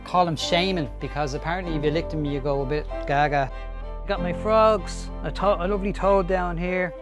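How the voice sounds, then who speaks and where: A man's voice: on the high side, normal speed, over music. A man casually giving an enthusiastic, chatty tour of his animal collection, laughing often.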